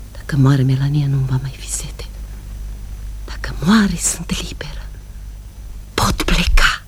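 A woman's voice: fairly low pitch, slightly rough. An actress playing a weary woman who tends her sick sister, in a radio drama monologue that swings between cries and whispers. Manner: shifts between shouting and whispering.

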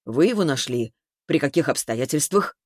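A man reading an audiobook, voicing a stern ship captain who asks brisk, commanding questions in a low voice. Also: animated, no room sound, studio quality, close to an everyday voice. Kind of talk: audiobook character voice.

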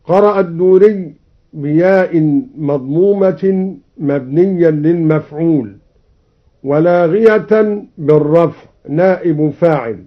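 Male radio instructor with a high voice. He explains slowly and chants his examples. Old broadcast sound, slightly dull. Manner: measured, deliberate explanation with chanted quotations. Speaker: Quran recitation instructor introducing a radio recitation. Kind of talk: explaining reading variants, then chanting the verse examples. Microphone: studio broadcast microphone.

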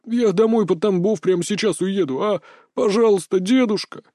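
A man's voice: high voice, moderate pace, warm tone, no echo, clean studio sound, voice pushed up, close to an everyday voice. A man voicing a frightened young male police sergeant who pleads tearfully. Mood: pleading.

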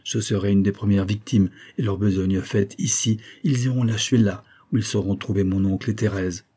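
A man's voice: on the low side, fairly even intonation, fairly quick, warm tone, slightly rough. A man reading an audiobook, voicing an imprisoned colonel who argues earnestly and presses his point. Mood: urgent.

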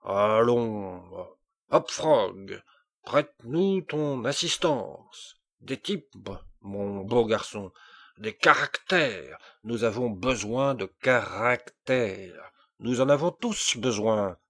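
A man voicing a fat, cruel, bullying king who taunts and shouts at his jester. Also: on the low side, expressive, drawn-out words, full character voice. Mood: mocking. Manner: loud, mocking, furious outbursts.

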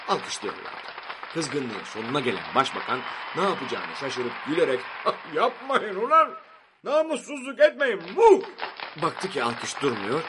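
A man reading a satirical story aloud as an audiobook, with expressive, lively storytelling. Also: mid-range voice, heavy background noise. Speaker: narrator.

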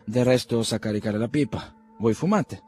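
A man's voice: medium pitch, normal speed, mellow, breathy edge, faint music behind, lightly acted. A man voicing an elderly country doctor and father who is humble, fussy and eager to please. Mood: fussing. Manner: apologetic, eager to please, ceremonious.

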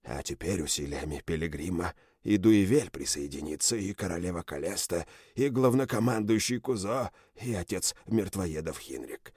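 A man voicing a wounded captive general who pleads for his life and then threatens his captors, hoarse and strained. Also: sits low, lively intonation, normal speed, few pauses, darkish tone, no echo, studio quality. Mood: menacing. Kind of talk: audiobook character reading.

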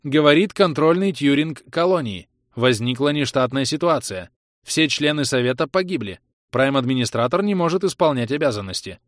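A man voicing a cold, emotionless computer that governs a colony, speaking in flat commanding tones. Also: medium pitch, moderate pace, dry recording, studio quality, voice pushed up, close to an everyday voice.

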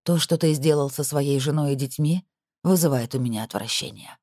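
A man voicing a cold, composed wealthy woman who speaks quietly but firmly and with disdain. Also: sits low, brisk, no room sound, studio quality.

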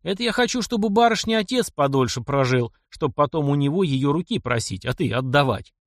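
Earnest, direct young man, as a male narrator voices him; lively intonation, dry sound. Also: on the high side, a little fast, no echo. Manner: plainspoken, direct.

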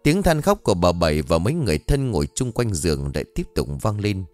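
A male storyteller reads a scripted ghost story in a lowish voice whose pitch swings lively and expressively. The sound is close and dry, with faint music underneath. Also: fast talker, dry recording.

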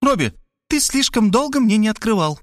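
For an audiobook, a man performs a pushy elderly mother, raising his voice above its natural pitch into a high, sing-song register at a moderate pace. The character is nagging, scolding, insistent and dramatic, and the recording is dry with studio quality.

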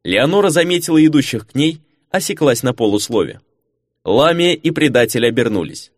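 A man narrating a fantasy audiobook with an expressive reading. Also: medium pitch, a little fast, no room sound, clean studio sound.

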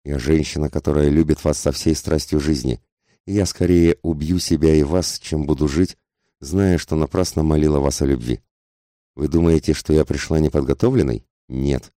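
Man voicing a desperate, passionate society woman in an audiobook, intense pleading, very deep dark voice. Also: fairly even intonation, normal speed, no echo, clean studio sound. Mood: furious pleading. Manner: intense, whispering-angry pleading.

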